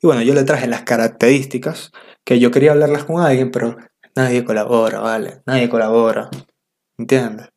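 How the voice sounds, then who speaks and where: A man's voice: medium pitch, fairly even intonation, a little fast, darkish tone. A young man from Venezuela with a Venezuelan accent, talking to the camera in a casual, slangy, self-mocking comic monologue. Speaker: vlogger.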